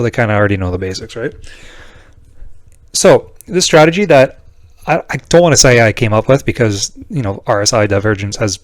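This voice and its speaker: A man with a mid-pitched voice talks through a tutorial off the cuff. He is informal and blunt, checking in often with a short "right?" The sound is dry, with no room around it. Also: no room sound. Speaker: trading tutorial presenter. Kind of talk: casual screen-share tutorial, unscripted explanation.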